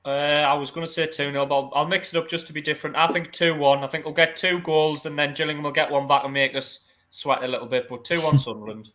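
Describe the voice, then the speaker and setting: Man, fast easygoing talk, slightly high pitch. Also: fairly even intonation, a bit bright. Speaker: guest pundit. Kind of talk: casual chat.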